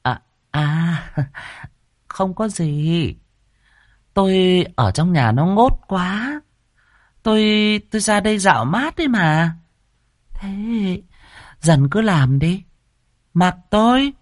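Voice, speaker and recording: Man plays a shrill, swooping lady of the house, coy but commanding, in a dry audiobook read. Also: expressive, no room sound. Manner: coy and bossy, drawn-out. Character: scheming lustful middle-aged mistress.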